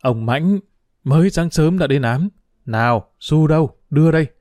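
A man's voice: medium pitch, lively intonation, fairly quick, no room sound, lightly acted. A cranky old food-stall woman who snaps and scolds in curt bursts, as a male narrator puts her on. The voice stays near his own middle register on a dry, close recording. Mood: scolding. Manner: sharp, scolding.

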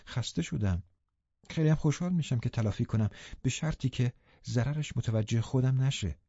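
A man's voice: medium pitch, dry recording, lightly acted. A man reading the lines of a tired, defiant young woman in an audiobook. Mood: weary. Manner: weary, then sharp and defiant. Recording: muffled lo-fi recording.

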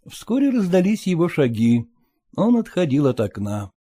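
A man reading the narration of an audiobook in a low, calm, even voice. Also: normal speed, slightly rough. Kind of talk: scripted narration.

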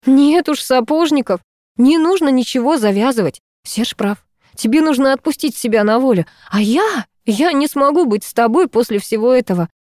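A woman reading an audiobook, voicing a furious, scornful young woman who lashes out in raised, sharp outbursts. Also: high voice, animated, normal speed, dry recording, studio quality, voice pushed up.

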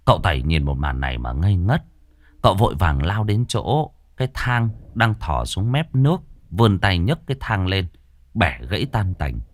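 A man narrating a ghost story with dramatic, expressive delivery. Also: low voice, moderate pace, no echo.

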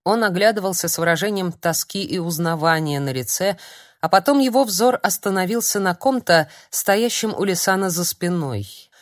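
Narrator: woman, lowish voice, dry close sound, steady storybook reading. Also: moderate pace, dry recording. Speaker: audiobook narrator. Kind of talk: scripted fantasy narration.

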